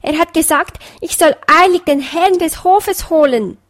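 A woman voicing a flustered brown hen in a storybook reading, with a shrill, hurried voice.

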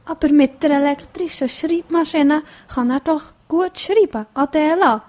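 Gentle aunt type, woman voicing her, kinda high voice, soft and reassuring. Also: unhurried.

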